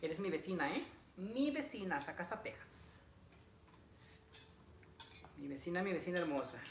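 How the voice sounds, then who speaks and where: A young adult man speaks at normal speed in a high-pitched, sing-song voice while building furniture during a living-room livestream. The vlogger is chatty and repetitive, reading viewers' greetings aloud and repeating phrases. With the camera a few feet away, the audio is echoey, noisy, and clicky.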